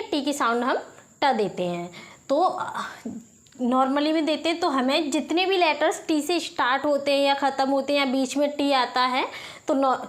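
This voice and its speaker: A woman teaching English pronunciation with a Hindi accent, patiently explaining rules and repeating questions to the class. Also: high voice.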